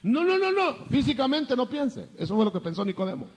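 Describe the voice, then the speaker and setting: An older man preaching a sermon, lively, acting out biblical dialogue in changing voices. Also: very high-pitched, a little fast, long reverb tail.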